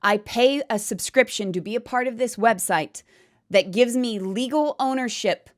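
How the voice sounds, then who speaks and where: A woman video commentator giving an opinion to viewers in an emphatic, explanatory manner. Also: a little high.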